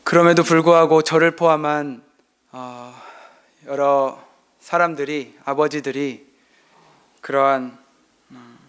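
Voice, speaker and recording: Male pastor preaching, lively storytelling. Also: on the high side, takes it slowly, pauses often, clear, resonant tone. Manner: acts out dialogue with his son, shifting loudness. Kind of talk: sermon with personal anecdotes.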